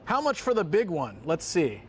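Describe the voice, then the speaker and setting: A man hosting a casual live stream, chatting to viewers in an animated, exclamatory way and repeating phrases for emphasis. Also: a little high, moderate pace, slight background noise. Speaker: livestream host. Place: outdoors by street vending machines in a city.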